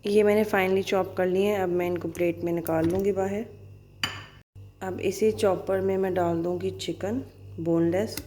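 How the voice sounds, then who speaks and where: A woman in her thirties from Pakistan with a Pakistani Urdu accent, chatting fast and cheerfully in a casual vlog, then walking through a recipe at home. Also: mid-range voice, steady tone, warm tone, faint music behind. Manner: fast-talking, chatty, laughs easily. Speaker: vlogger and schoolteacher. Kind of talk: casual vlog chat and cooking demo.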